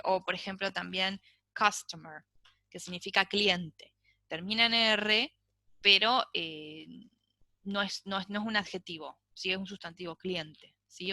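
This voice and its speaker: A woman teaches an English grammar lesson, her voice bright and clear. She explains step by step, pausing to check that students follow. The recording is dry and close. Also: medium pitch, dry recording. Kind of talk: online class lecture.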